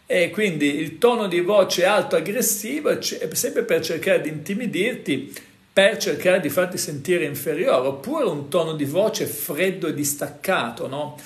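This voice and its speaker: A man's voice: sits high, expressive, moderate pace, echoey room. A man hosting a casual talk, explaining things to viewers in a conversational way, full of fillers and tag questions. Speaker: host.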